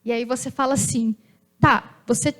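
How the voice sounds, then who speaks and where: A young woman with a high-pitched, naturally loud voice speaks at a company talk. She keeps it informal and chatty. Now and then she breaks into short acted-out dialogues. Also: moderate pace. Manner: lively, chatty, acts out little dialogues.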